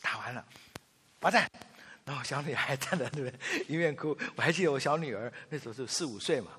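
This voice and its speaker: A man in his fifties giving a sermon, telling family anecdotes in an animated way and acting out the quotes. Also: mid-range voice, quick pace, slightly rough. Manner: storytelling, animated, acts out quotes. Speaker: pastor. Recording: long reverb of a large hall.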